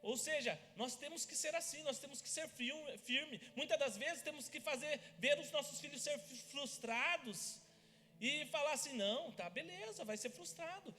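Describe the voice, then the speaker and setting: A man preaching in church, telling family stories in a lively way. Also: very high-pitched, moderate pace. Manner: lively storytelling, acts out family scenes. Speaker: pastor. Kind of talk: sermon with personal stories. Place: church hall. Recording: church hall reverb.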